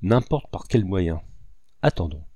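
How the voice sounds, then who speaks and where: A man's voice: low voice, lively intonation, a little slow, warm tone, husky, no echo, studio quality, full character voice. A man voicing a tough male hunter who talks in a mocking, teasing way. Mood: wary.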